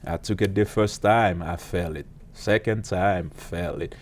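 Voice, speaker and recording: Man, late 30s, low voice, earnest interview guest who halts and fills with uh. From Haiti. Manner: earnest, halting, frequent uh fillers. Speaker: pastor and police officer.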